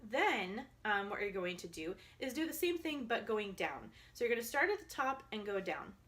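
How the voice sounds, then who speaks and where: A young adult woman voice coach calmly guiding listeners through vocal exercises, sometimes demonstrating. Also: medium pitch, moderate pace. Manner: calm, guiding, demonstrates vocal slides and counts. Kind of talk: instructional voice exercise video.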